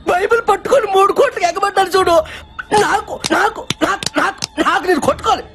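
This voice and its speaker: A man's voice: extremely high pitch, quick pace, creaky, music in the background. An actor playing a cowardly, jittery man who is easily spooked by ghosts and shrieks and stammers in panic, in a film comedy scene. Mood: laugh-crying. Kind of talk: Telugu film comedy acting.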